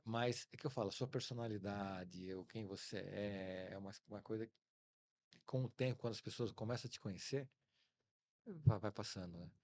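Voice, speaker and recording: A Brazilian Portuguese accent marks this middle-aged interview guest, who tells casual anecdotes and performs snatches of dialogue along the way. He speaks at a moderate pace in a lowish, slightly mellow voice.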